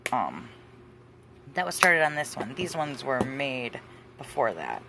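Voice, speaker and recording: A woman's voice: very deep voice, very animated, measured pace, vocal fry, background noise. A middle-aged woman chatting casually about her crafts at home, rambling with plenty of fillers and asides. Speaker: craft vlogger. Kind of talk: casual chat. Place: hot home room with a fan running.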